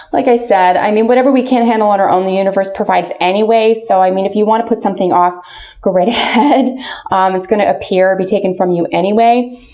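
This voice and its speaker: A woman's voice: mid-range voice, steady tone, fairly quick, darkish tone. Woman fortune teller giving a casual tarot reading. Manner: fortune teller, addressing the listener directly with pointed questions and cautions. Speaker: tarot reader. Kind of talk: casual spoken tarot and oracle card reading.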